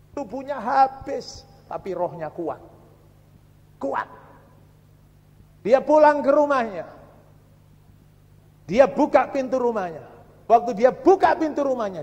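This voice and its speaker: A male preacher with a lilt and a strikingly high voice. He preaches dramatically, dropping to a hush and then rising to a shout. The sound carries a long church-hall echo. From Indonesia. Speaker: pastor. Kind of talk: sermon. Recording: echoey church hall recording.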